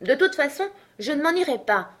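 Woman doing a little girl talking back, high and stubborn. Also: big pitch swings, moderate pace. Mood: defiant. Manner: earnest, defiant. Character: bold young girl in a courtroom.

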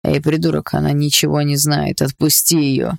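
A young man bloodied but steady, keeping his voice soft and reassuring. It is hoarse and gravelly in the narrator's own low register, recorded close and dry. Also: moderate pace, dry recording. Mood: tender reassuring. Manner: calm reassuring through pain. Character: young man, beaten captive, tender and steady.

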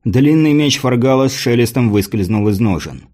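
A man narrating a fantasy audiobook in a measured, even storytelling manner. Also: mid-range voice.

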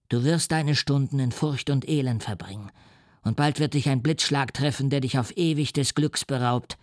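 A man's voice: mid-range voice, dry recording, studio quality, natural voice. A man voicing a brooding, vengeful creature. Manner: menacing, slow and brooding. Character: vengeful, lonely male creature, huge and bitter. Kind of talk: radio play reading.

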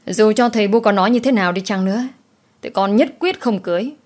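A woman voicing a calm, defiant young man who speaks firmly without flinching. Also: medium pitch, fast talker, close to an everyday voice. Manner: calm, firm, unflustered.

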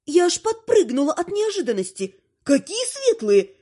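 Brief: woman audiobook narrator, high voice, theatrical and lively. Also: normal speed. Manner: lively, theatrical first-person reading.

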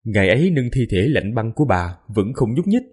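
A man's voice: medium pitch, sing-song, brisk, a little mellow, slightly rough. A man reading a fantasy novel aloud in a dramatic, mournful narration style. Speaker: audiobook narrator. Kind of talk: scripted narration.

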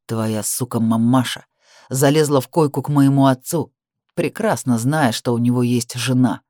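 A woman voicing a cruel young man threatening his stepsister in a slow, low, contemptuous voice. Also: warm tone, dry recording, studio quality. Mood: cold menace. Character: menacing young man, cold cruel stepbrother.

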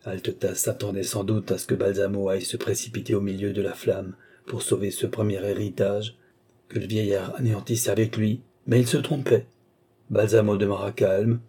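A man reading a classic novel aloud as an audiobook narrator, in a steady, measured way. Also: on the low side, husky.

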